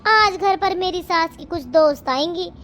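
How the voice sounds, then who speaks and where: A woman's voice: very high-pitched, moderate pace, a bit bright. A woman playing a young daughter-in-law who answers back and complains about her mother-in-law. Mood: defiant.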